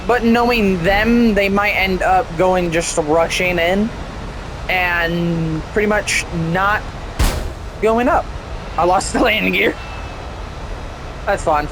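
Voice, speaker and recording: A young man streams himself playing a flight game, rambling and chatting casually with frequent restarts while he has hiccups. His voice is high and steady in tone, and he speaks slowly with long pauses over background noise.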